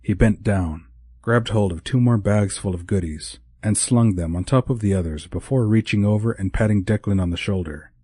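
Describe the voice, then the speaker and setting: A man narrating a romantic comedy audiobook in a measured, even reading. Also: fairly low pitch, slightly rough, dry recording, clean studio sound.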